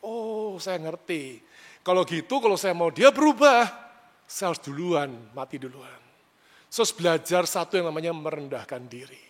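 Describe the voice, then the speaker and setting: Male preacher, conversational sermon voice, lively, long reverb of a hall. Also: fairly high pitch, moderate pace. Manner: animated, conversational, rises sharply when retelling arguments. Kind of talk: sermon with personal storytelling.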